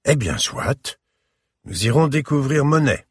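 A man's voice: mid-range voice, lively intonation, measured pace, breathy edge, no room sound, studio quality, pitched above the performer's own voice. A man reading aloud, voicing a cultured, charming older grandfather who speaks with dignity.

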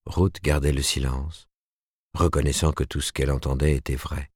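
A man narrating a novel as an audiobook in a measured, even storytelling manner. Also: a bass voice, husky, dry recording, studio quality.

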